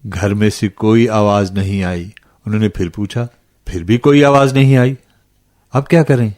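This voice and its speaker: This is a kindly old grandfather storyteller played by a man with a lowish voice. He takes his time and builds a spooky tale dramatically for listening children. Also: a little mellow, natural voice. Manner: slow, dramatic, unhurried storytelling.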